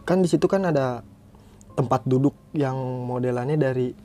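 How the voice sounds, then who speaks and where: A man telling a story to the host in a relaxed, chatty way, often calling him "Bang". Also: medium pitch, normal speed, soft background music. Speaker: guest storyteller. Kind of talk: casual storytelling.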